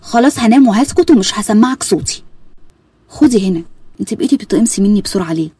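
A woman plays an older Egyptian mother who coaxes and pleads. The voice is warm and very husky, quick, close and dry. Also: mid-range voice, animated, no echo. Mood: teasing. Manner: coaxing, pleading.

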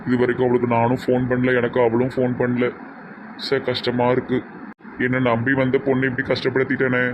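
A man with a Tirunelveli Tamil accent talks sternly in a flat, level voice, grumbling through his sketch lines. The sound is dull and lo-fi, with faint noise behind. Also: medium pitch, brisk. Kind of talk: comedy sketch acting.

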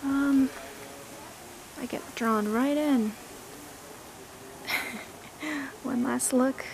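Relaxed woman touring her backyard garden. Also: high-pitched, drawn-out words, vocal fry, a little hiss or hum. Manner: relaxed, admiring, thinks aloud with fillers. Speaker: gardener giving a garden tour. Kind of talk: casual walking tour narration.

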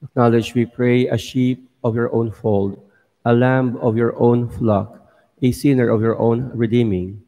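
A middle-aged man speaking as a priest, reading prayers and notices in a measured, solemn, formal way in an echoing church. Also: mid-range voice, steady tone, dark tone. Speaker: priest celebrant. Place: large church sanctuary, indoors. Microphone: gooseneck lectern microphone. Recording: echoing church with long reverb.

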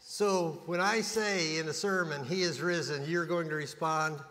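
A man preaches in a relaxed, folksy, chatty style, mixing humor into his sermon. His voice sits fairly high for a man. The sound carries a long reverb from the church hall around him. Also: normal speed. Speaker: pastor. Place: church sanctuary.

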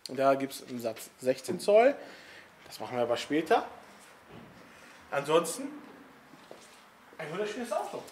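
Chatty high-voiced man in a garage. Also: wildly swooping pitch, measured pace, pauses often, darkish tone, slight background noise. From Italian family background. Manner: chatty, laughs often, frequent "ne?" tag questions. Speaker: car garage vlogger. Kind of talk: casual chat.

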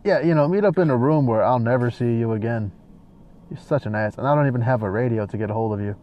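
A man's voice: mid-range voice, fast, muffled recording. A man giving casual gameplay commentary, joking and sarcastic as he talks back at the game.

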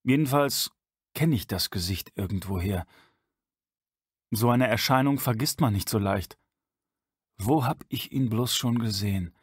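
A man voicing a worried, suspicious older man who speaks gruffly and broods in an audiobook. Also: fairly low pitch, a little slow, long pauses, dry recording, studio quality. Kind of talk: audiobook character voice.

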